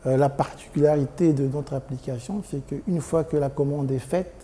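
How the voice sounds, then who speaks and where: A man's voice: on the high side, normal speed, warm tone, a little hiss or hum. A man in his forties from Congo, a company director answering interview questions hesitantly, with many ums and restarts. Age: 40s.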